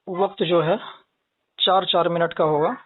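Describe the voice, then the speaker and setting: A man's voice: high-pitched, fairly even intonation, no echo. A man on a phone call curtly stating his conditions for a debate. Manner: curt, dismissive, brief replies. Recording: dry tinny phone line.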